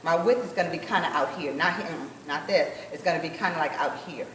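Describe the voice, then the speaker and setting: Lady coaching a group rehearsal, low-ish voice, echoey room, a bit of background noise. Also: far from the mic. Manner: encouraging, repeats phrases slowly while demonstrating. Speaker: sign language dance instructor.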